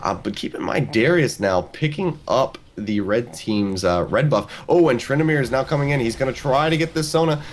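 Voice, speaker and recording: A man calling a video game match as a play-by-play commentator, talking rapidly like an auctioneer. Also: medium pitch. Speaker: esports commentator.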